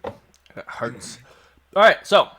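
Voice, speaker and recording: A man's voice: extremely slow, slight background noise. Laid-back male game master. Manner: relaxed, joking, explains rules with fillers. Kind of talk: running a tabletop game on a livestream.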